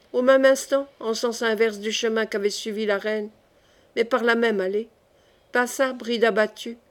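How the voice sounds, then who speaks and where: A woman reading a classic historical novel aloud in a clear, measured audiobook narration. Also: a little high.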